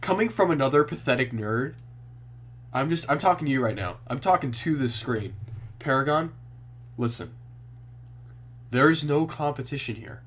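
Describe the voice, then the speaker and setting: A man's voice: mid-range voice, lively intonation, normal speed, long pauses, fairly bright tone. A man giving playful, rambling, theatrical commentary as he plays a visual novel game. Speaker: gaming video host.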